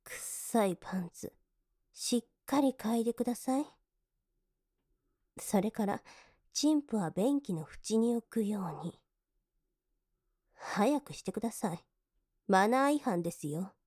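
A young woman playing a cold, scornful maid in an adult audio drama, politely contemptuous and mocking, sometimes dropping into soft whispers to sneer. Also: medium pitch, expressive, a little slow, pauses often, breathy edge, no room sound, studio quality. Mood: coolly commanding.

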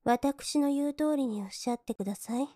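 A young woman playing a cold, scornful maid in an adult audio drama, politely contemptuous and mocking, sometimes dropping into soft whispers to sneer. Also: high voice, fairly quick, no echo, studio quality, lightly acted. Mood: coolly commanding.

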